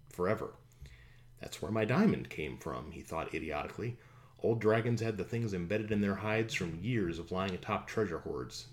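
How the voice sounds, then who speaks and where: Low-voiced man reading a story. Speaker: narrator. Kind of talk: scripted audiobook narration.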